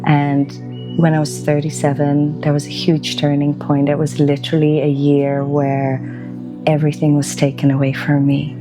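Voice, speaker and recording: Low, flat-voiced reflective woman over music. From Belgium. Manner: slow, gentle and reflective, with pauses. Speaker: wellbeing practitioner.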